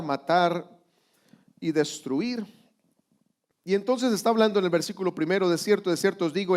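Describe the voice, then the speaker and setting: A man, the pastor, teaching a Sunday school sermon, swinging between loud emphatic lines and quiet, low asides.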